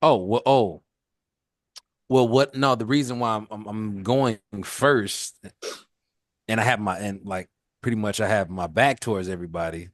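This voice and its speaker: A man's voice: lowish voice, moderate pace, no echo, clean studio sound. A man playing a tabletop game, talking hesitantly with many restarts. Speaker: tabletop player.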